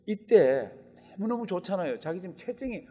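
A man preaching a sermon as a pastor, speaking animatedly and acting out quoted lines with sudden loud outbursts. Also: high-pitched, sing-song, normal speed, slightly rough. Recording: long reverb of a large hall.

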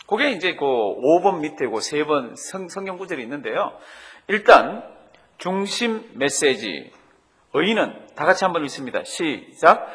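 A man's voice: high voice, slightly rough. A man who is a pastor, teaching a Bible study sermon and leading his congregation to read Scripture aloud with him. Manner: animated, leads congregation in reading aloud. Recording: long reverb of a hall.

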